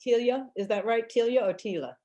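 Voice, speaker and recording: This woman's voice is fairly high and warm, with the highs cut off, and she talks fairly quickly. In her fifties and a real estate agent, she answers questions casually through emphatic stories full of laughter.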